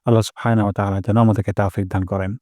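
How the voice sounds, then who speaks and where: A man teaching correct pronunciation for prayer recitation in an online class, patiently repeating sounds slowly for practice. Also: fairly low pitch, level tone, mellow, dry recording, clean studio sound.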